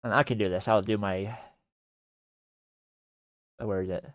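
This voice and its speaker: Halting, mumbling male streamer. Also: fairly low pitch, steady tone, slight background noise. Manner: halting, many fillers, trailing off mid-sentence. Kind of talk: casual livestream chat while working on 3D art.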